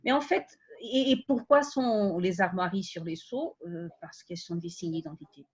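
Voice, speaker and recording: A woman's voice: fairly low pitch, normal speed, husky, dull audio. A woman who is not a native French speaker, with a foreign accent in French, speaking unscripted at an academic round table and often restarting as she searches for words.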